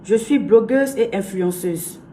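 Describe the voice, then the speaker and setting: A young woman from Côte d'Ivoire, a blogger and influencer, speaks to her followers directly into the camera in an Ivorian French accent. Her mid-range voice is warm and unhurried over slight hiss or hum, and she stresses her points earnestly by repeating them.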